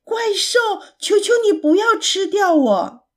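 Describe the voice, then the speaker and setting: A woman voicing a frightened, clever little boy piglet who cries out in high pleading tones. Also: big pitch swings, a little slow, darkish tone, slightly rough, heavily acted.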